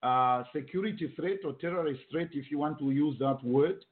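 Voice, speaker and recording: A man's voice: fairly high pitch, moderate pace. A man from Zambia hosting a panel discussion, thinking aloud and restarting his sentences often. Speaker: host. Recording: narrow phone-like line.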